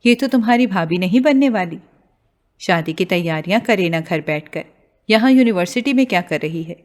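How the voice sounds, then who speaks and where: A woman's voice: lowish voice, expressive, a little mellow, close to an everyday voice. A woman voicing a group of gossiping young female students with a mocking tone.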